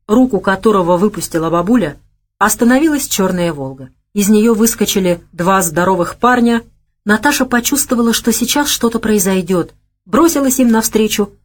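A female narrator reading a crime thriller audiobook in scripted narration. Her delivery is measured and even, telling the action steadily. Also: medium pitch.

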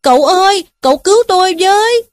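A woman's voice: on the high side, expressive, moderate pace, no room sound, studio quality. A woman voicing a burly young man caught as a thief, pleading in a raised, wailing voice.

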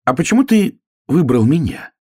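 A man voicing a playful, excitable hare in a children's tale. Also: fairly high pitch, normal speed, husky, voice pushed up. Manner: bouncy, excitable.

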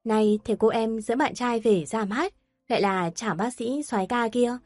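A woman narrating a scripted audio story in a steady, even manner. Her voice sits fairly high, and it is recorded dry and close. Faint music plays underneath. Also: moderate pace, no room sound.

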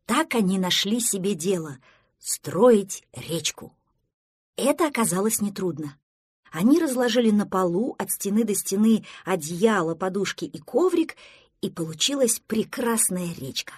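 A woman reading a children's story aloud in an expressive, animated way. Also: medium pitch, slightly rough, dry recording, studio quality.

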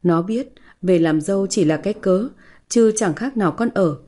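A woman storyteller reading a sad village tale in a steady, plaintive way. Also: medium pitch, normal speed. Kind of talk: scripted narration of a folk tale.

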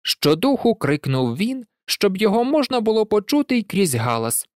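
An audiobook narrator reading a children's story in an expressive, lively way. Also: medium pitch, normal speed, no room sound, clean studio sound.

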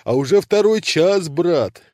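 A man's voice: expressive, measured pace, darkish tone, no room sound, studio quality. A man reading an audiobook, voicing a big, sleepy, good-natured man who sighs and grumbles. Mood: groaning. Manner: sighing, grumbling, swinging between low and high. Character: huge sleepy older man, grumbling but kind. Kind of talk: audiobook reading of classic prose.

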